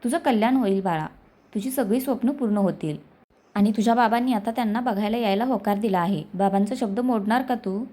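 Brief: woman storyteller voicing a caring mother, soft and coaxing, storybook reading. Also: mid-range voice, brisk, natural voice. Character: middle-aged mother, caring and tearful.

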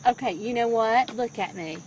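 High-voiced woman, coaxing and amused. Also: normal speed. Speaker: caregiver filming and soothing a teenager. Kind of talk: casual chat. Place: outdoors, then inside a car. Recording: faint noise, handheld phone recording.

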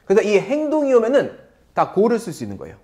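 A man in his thirties teaching an online English lesson. His voice sits a little high and swings widely up and down. He talks playfully and keeps asking his viewers questions. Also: huge pitch swings, quick pace, darkish tone.

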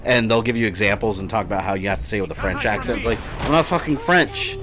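A man's voice: on the low side, steady tone, racing. A man from Puerto Rico chatting casually and swearing while he streams a game. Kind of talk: live gameplay commentary. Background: game music and gunfire.

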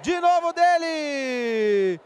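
A Brazilian man calls live futsal in explosive goal commentary, his voice pushed extremely high as he shouts drawn-out calls. Clear gym noise surrounds him. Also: animated. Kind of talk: live play-by-play sports commentary. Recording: noisy sports hall ambience.

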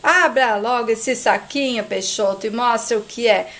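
A woman voicing a haughty young woman who is shrill and scornful. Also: normal speed, fairly bright tone.

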